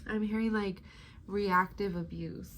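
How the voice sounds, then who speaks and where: A woman gives a tarot-style spiritual reading in a casual, chatty, slangy stoner manner, rambling and stretching out her words. Her mid-range voice is fairly bright, a little slow and fairly even in intonation, with a slight hiss or hum in the audio.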